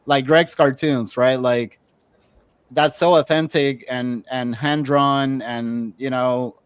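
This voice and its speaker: Smooth-voiced man, dry close sound. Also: medium pitch, fairly even intonation, slow pace, dry recording. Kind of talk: casual group discussion.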